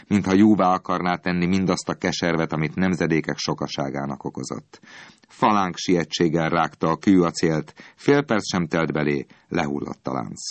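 A man reading a storybook aloud in an expressive, dramatic storytelling manner. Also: deep voice, no room sound. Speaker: narrator.

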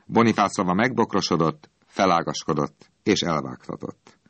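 A man reading a storybook aloud in an expressive, dramatic storytelling manner. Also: deep voice, dry recording, highs cut off. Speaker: narrator.

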